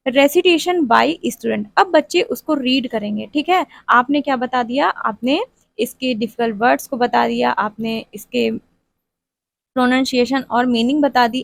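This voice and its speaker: Woman tutor, exam-prep lecture, high voice, dry close sound, slow read-out definitions. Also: creaky, no echo. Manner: mixes Hindi with English terms, reads English definitions out slowly; repeats a check-in tag after each point. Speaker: teacher-training tutor. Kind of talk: exam-prep lecture explaining teaching steps.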